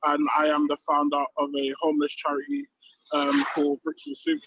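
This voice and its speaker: Guy on a choppy zoom call from the car, gravelly voice, audio cutting out and muffled. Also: fairly high pitch, very animated, brisk, a bit bright. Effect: choppy video-call audio breaking up. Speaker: guest speaker, charity founder. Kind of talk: casual online meeting talk. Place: in a car while driving. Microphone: video call on the move. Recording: dull lo-fi video-call line.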